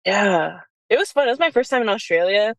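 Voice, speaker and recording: A woman in her early twenties from the United States, a college basketball player, chats casually as an interview guest, constantly using "like" and "you know" in her informal speech. Her voice is medium-pitched, lively and fairly quick, recorded in studio quality with no room sound.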